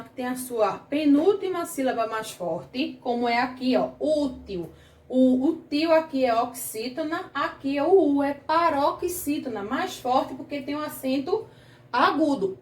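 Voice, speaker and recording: In a reverberant room with a distant mic, a woman with a Brazilian Portuguese accent patiently teaches children grammar. Her high voice has lively intonation at a measured pace as she questions the class and drags out key words.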